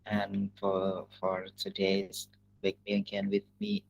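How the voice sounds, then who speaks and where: A man with an Indonesian accent teaching an English lesson in an online class, talking in halting phrases that he often restarts. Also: lowish voice, monotone, creaky, highs cut off, a little hiss or hum.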